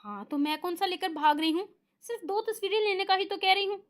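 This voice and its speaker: A woman voicing a quick-tempered young woman who scolds and shrieks in indignation. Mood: annoyed. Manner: indignant, scolding, shrill outbursts.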